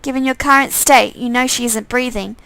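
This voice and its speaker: A woman's voice: a little high, fairly even intonation, brisk, gravelly, fairly bright tone, clean tone, no echo, poor audio. A woman reading a visual novel aloud on a stream, narrating in the second person with small slips. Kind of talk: reading game text aloud.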